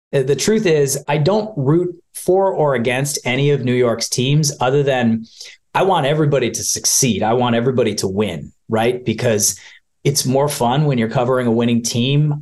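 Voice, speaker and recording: A man in his forties, a sportscaster from Ohio, talks through his career in a casual interview. He tells stories in a chatty, easygoing way with a middle-range voice. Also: medium pitch. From Ohio, USA. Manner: chatty, warm storytelling with laughs. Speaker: sportscaster guest.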